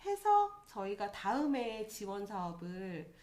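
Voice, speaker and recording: A woman who leads a theater troupe, chatting as a guest in an interview. She talks in an animated way, laughs often and acts out things she once said. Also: medium pitch, takes it slowly. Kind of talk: casual interview chat.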